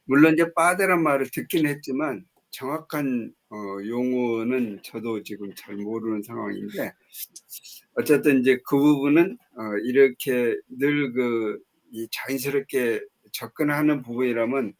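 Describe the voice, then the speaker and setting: A man with an ordinary mid-pitched voice gives his view in an online discussion group. He speaks in a measured, polite way, hedging with fillers. He is heard over a video call. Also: fairly even intonation. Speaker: member of an online reading group.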